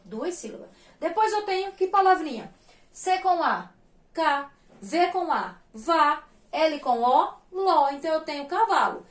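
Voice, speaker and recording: A woman teaching young children with a Brazilian Portuguese accent, patient and sing-song, spelling syllables out slowly. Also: sits high, animated, reverberant. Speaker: primary school teacher. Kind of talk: recorded lesson for young children.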